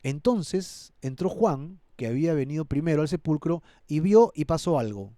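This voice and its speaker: Male pastor, sermon, acts out the story, pleading tone, dark mellow voice, dry close sound. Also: on the high side, expressive, moderate pace, no room sound. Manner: dramatizes the scripture, acting out characters' voices; earnest, pleading appeals to listeners. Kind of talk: expository sermon.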